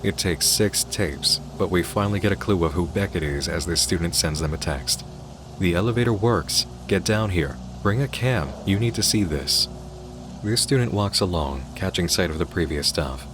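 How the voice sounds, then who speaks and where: A man's voice: low voice, animated, normal speed. A man reading scripted, analytical video essay narration. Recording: clear background noise under voice.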